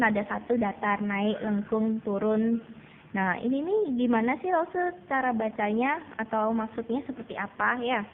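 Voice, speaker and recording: A woman's voice: a little high, a little hiss or hum. Woman teacher on a tinny line. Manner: patient, drills tones by repeating vowels; addresses students as children. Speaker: Mandarin teacher. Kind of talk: online class lesson. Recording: tinny phone-like recording.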